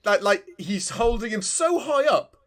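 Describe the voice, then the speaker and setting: High-pitched and animated yet measured in pace, a man with a slightly bright tone co-hosts a podcast, chatting loosely and eagerly about video games.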